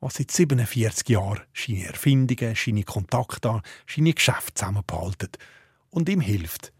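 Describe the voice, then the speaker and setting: A man with a Swiss German accent narrating a documentary report in a measured, descriptive way. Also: fairly low pitch, lively intonation, slightly rough, no echo, studio quality.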